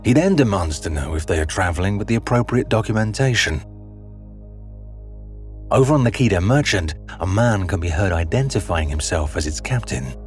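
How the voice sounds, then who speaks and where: A man giving scripted, dramatic documentary narration in a measured storytelling manner. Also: sits low, lively intonation, faint music behind.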